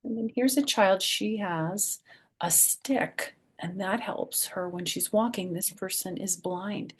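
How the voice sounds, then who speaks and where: For young listeners, a woman reads from a picture book and adds simple, conversational explanations. Her mid-range voice is husky and creaky, and she keeps a slow pace.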